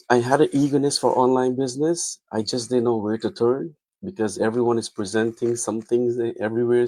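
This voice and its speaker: A middle-aged man speaks in a low, mellow voice. He introduces himself to a webinar panel with growing enthusiasm, sounding dry and close over a video call. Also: dry recording, low-quality recording. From Guyana.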